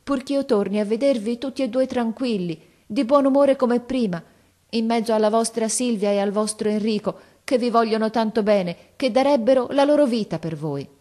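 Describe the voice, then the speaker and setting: A woman's voice: a little high, normal speed, warm tone, voice pushed up, lightly acted. Woman voicing an earnest, determined young girl. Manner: earnest, pleading and insistent. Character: resolute, loving young girl, older sister.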